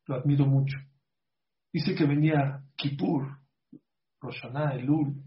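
A middle-aged man delivers a storytelling sermon, earnest and fond of asking his listeners direct questions. His voice sits a little high for a man. The recording sounds slightly muffled and lo-fi. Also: fairly even intonation, unhurried. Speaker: religious speaker on a show.

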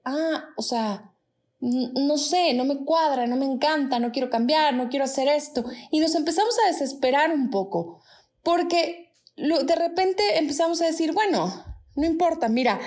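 Woman hosting an advice podcast, high voice. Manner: warm conversational, acts out quoted voices. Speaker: podcast host. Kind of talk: casual advice talk.

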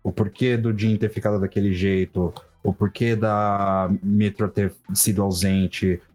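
A man's voice: on the low side, flat delivery, measured pace, darkish tone, faint music behind. A man with a Brazilian Portuguese accent talking casually and enthusiastically as a podcast participant. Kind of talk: casual, personal game discussion.

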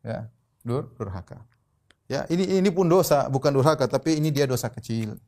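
A man giving a religious lecture, repeating key phrases and reading Arabic quotations slowly. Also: mid-range voice, animated, darkish tone. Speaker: Islamic preacher.

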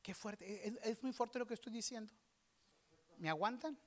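High-voiced pastor preaching. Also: male voice, moderate pace. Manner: preaching with swings between soft asides and loud outbursts. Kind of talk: sermon.

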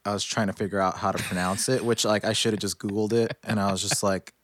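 A man's voice: fairly low pitch, steady tone, fast talker, fairly bright tone, dry recording, clean studio sound. A man co-hosting a podcast, discussing films casually with tongue-in-cheek banter. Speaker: podcast co-host.

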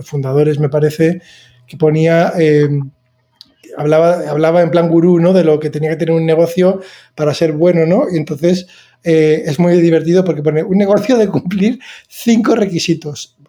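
A man's voice: fairly high pitch, mellow. Chatty man hosting a tech podcast. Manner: chatty, hesitant, many fillers and restarts. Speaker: podcast host. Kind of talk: casual podcast chat.

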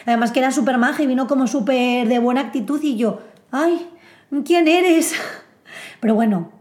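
High-voiced woman chatting in echoey room. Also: moderate pace. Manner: lively, acts out quoted lines. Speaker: podcast co-host. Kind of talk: casual chat.

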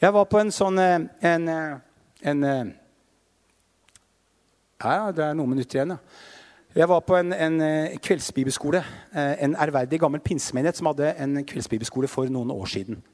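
A man's voice: on the high side, a little mellow, big-room sound. A man in his fifties preaching a sermon, telling stories and rising into fervent proclamation. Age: 50s.

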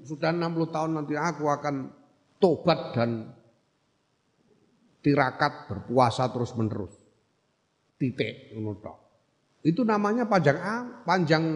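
In a classical text study lesson, a religious teacher with a fairly high voice speaks in an echoing hall. He reads Arabic, glosses it in Javanese, explains it in Indonesian, and checks on listeners with brief questions.

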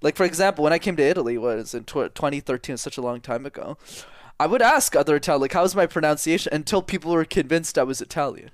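Speaking quickly with hardly any pauses, a young man from Montreal, Canada answers interview questions in a casual, energetic, direct style. He coaches public speaking, often repeats words for emphasis, and has a high-leaning, animated voice recorded without echo.

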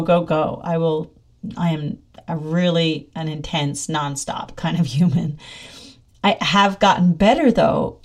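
A middle-aged woman talking casually in a monologue, upbeat and chatty, often laughing as she speaks. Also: fairly low pitch.

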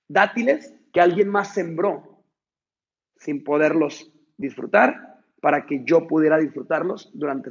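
A man voicing a humble farmhand in his sixties, speaking calmly and respectfully. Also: high voice, vocal fry, slightly rough, dull audio, heavily acted. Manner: calm, respectful, patient. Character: humble old male farmhand, over sixty.

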